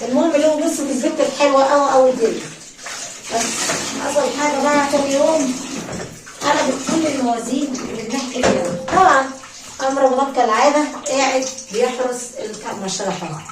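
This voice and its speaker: A woman's voice: sits high, quick pace, roomy sound, recorded from a distance, background noise. A woman with an Egyptian accent telling a story in a chatty way, speaking straight to her listeners. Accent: Egyptian Arabic. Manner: chatty, addresses listeners directly. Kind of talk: casual spoken storytelling.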